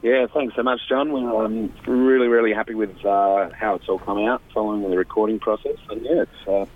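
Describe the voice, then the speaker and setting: A man's voice: on the low side, fairly even intonation, a little fast. Man on a tinny phone line. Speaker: band lead singer, radio guest. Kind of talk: casual phone interview.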